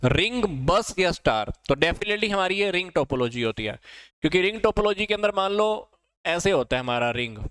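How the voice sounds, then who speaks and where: Indian male tutor, high crisp voice, dry close sound, slow question reading then quick explaining. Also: animated, a bit bright, no room sound, rough recording. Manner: reads English questions slowly, then explains in Hindi and answers himself. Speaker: teacher. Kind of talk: exam-prep lesson, reading quiz questions.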